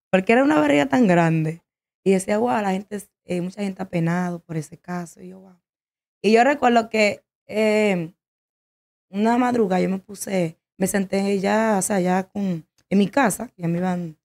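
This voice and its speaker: Give me a woman guest giving an emotional, stop-and-start personal testimony at an average pitch. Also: a little mellow. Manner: halting, emotional, with many restarts.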